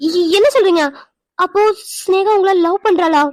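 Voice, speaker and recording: A woman voicing a quick-tempered young wife in a cartoon, scolding and demanding answers. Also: very high-pitched, steady tone, no echo, clean studio sound. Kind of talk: cartoon voice acting.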